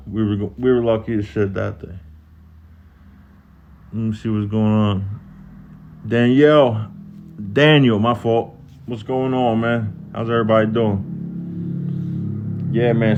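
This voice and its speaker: A man with a Philadelphia accent telling a prison story on a live stream, casual and profane, acting out other people's lines in a higher voice. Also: flat delivery, a little slow, dark tone, highs cut off, soft background music.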